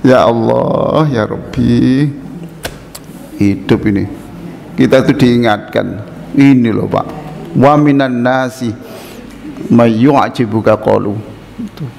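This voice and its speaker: An older man giving a humorous sermon in a mosque, an animated storyteller who teases his listeners. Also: mid-range voice, slow pace, gravelly, long pauses. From Indonesia. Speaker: preacher. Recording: reverberant mosque hall with faint noise.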